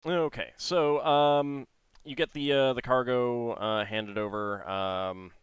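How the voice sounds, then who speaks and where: A man casually narrating a tabletop game as game master, in a halting, thinking-aloud way. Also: medium pitch, steady tone, clear, resonant tone, dry recording, dull audio.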